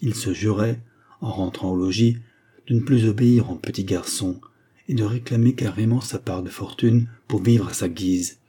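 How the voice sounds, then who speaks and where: A male audiobook narrator reading a classic novel in a steady, measured way. His voice is low-pitched and dark in tone, with a slightly husky texture. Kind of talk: scripted literary narration.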